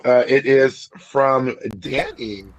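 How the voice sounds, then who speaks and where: A man's voice: mid-range voice, fairly even intonation, takes it slowly, no room sound, dull audio. A man co-hosting a podcast in casual chat, telling stories in a playful, joking way. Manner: playful storyteller, jokey. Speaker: podcast co-host.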